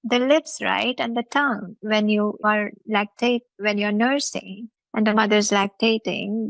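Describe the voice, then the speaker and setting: A woman with an Indian accent hosts a talk show, explaining at length in an emphatic style and repeating phrases and lists. Her voice is mid-range with vocal fry. The audio is poor, with no room sound.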